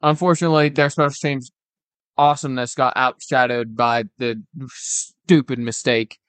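A man's voice: medium pitch, steady tone, normal speed, fairly bright tone, clean tone, no echo. A young man co-hosting a casual sports podcast, analysing the game and often saying "like" and "literally". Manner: analytical, peppers talk with "like" and "literally". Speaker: podcast co-host.

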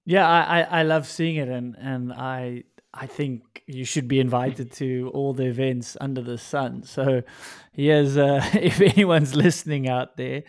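A man's voice: medium pitch, steady tone, measured pace. A man with a South African accent, chatting casually as he interviews a guest. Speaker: podcast host interviewer.

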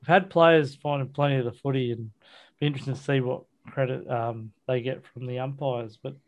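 Australian man, sports podcast host, mid-pitched voice, casual match-review chat, matey, colloquial, blokey. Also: steady tone, brisk, darkish tone.

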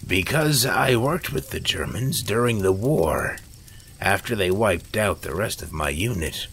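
A man's voice: on the low side, very animated, vocal fry, slightly rough, heavily acted. A man voicing a cackling, treacherous male villain who gloats and mocks. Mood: gloating. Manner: mocking, boastful, quick to shout.

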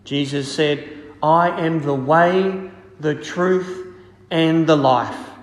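A priest reading the gospel and preaching a homily in a slow, measured, solemn way, heard with a cathedral-like echo. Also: male voice, on the high side. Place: large church. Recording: long reverberant church echo.

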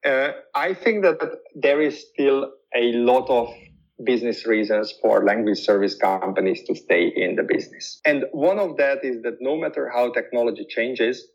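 Speaking at an ordinary pace and medium pitch, a man whose first language is Hungarian answers interview questions as a guest. He thinks his answers through, repeating words as he searches for phrasing, and the audio sounds dull and lo-fi.

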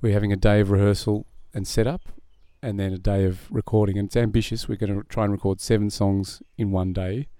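A man's voice: on the low side, steady tone, a little fast, hardly any pauses, dark tone, clean tone, dry recording. A middle-aged musician, a man, chatting as a podcast guest, rambling and self-deprecating with frequent laughs. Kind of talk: casual podcast interview.

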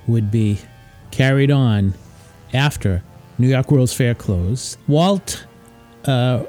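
Mellow-voiced man recounting theme park history. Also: medium pitch. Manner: relaxed, hesitant, with frequent uh and um. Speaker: podcast host. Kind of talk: casual informal history talk.

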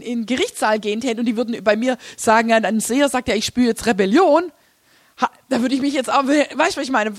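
A woman's voice: sits high, no room sound. Chatty woman teaching, dry close sound. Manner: chatty, informal, laughs often, many restarts. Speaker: church workshop teacher. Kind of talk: casual teaching talk with slides.

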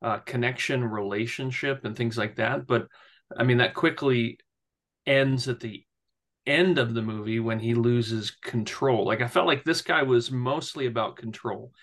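A man's voice: medium pitch, unhurried, a bit bright. A man co-hosting a casual podcast discussion, with wry, self-deprecating humor. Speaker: podcast co-host.

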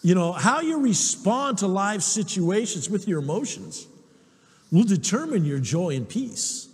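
A man, a pastor preaching a sermon, telling stories with animated, self-deprecating humor. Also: high-pitched, measured pace, husky, in a large hall.

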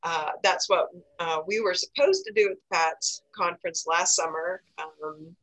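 Bright-voiced, lowish American woman, halting delivery. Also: rough recording. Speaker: podcast guest, safe zone trainer. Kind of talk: informal informational podcast talk.

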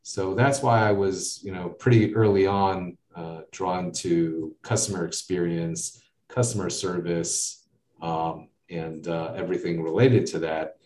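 An American man with a low, steady, darkish voice speaks a little slowly as a guest in a casual interview. He rambles, with plenty of fillers and asides. The mic is distant and the room is echoey.

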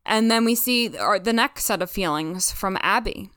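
A woman's voice: medium pitch, moderate pace, a bit bright, smooth, no echo, clean studio sound. A woman co-hosting a podcast, casually and reflectively discussing a TV episode, with many "like"s. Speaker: podcast co-host.

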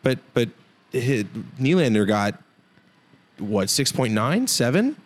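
A man co-hosting a casual hockey podcast, joking and rambling with quick asides. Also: medium pitch, very animated. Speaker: podcast co-host.

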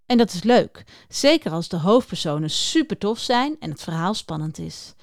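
A woman's voice: on the low side, lively intonation, moderate pace, no room sound, studio quality. Woman introducing a children's book. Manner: friendly, addressing young listeners directly. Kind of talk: scripted morning-opening talk for children.

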